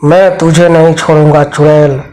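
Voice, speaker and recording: A man's voice: a little high, little pitch movement, moderate pace, darkish tone, slight background noise, close to an everyday voice. A man voicing a stern old holy man who vows to destroy a witch, in a cartoon horror story. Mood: commanding. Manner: commanding, threatening.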